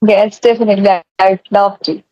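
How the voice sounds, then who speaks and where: A young woman from West Bengal speaks in a polite, earnest manner, pausing with fillers as she practises conversation. The sound is dry and close, with the muffled, lo-fi quality of an online call. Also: mid-range voice, level tone, dark tone, no echo. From West Bengal, India. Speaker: guest, English learner.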